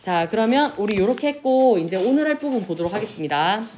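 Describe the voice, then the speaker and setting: A woman teacher giving a classroom lesson, asking questions and answering them herself, and drawing out example words slowly. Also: mid-range voice, slight background noise. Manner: lively, pronounces example words slowly and drawn out. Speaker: Korean language teacher. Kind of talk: classroom lecture.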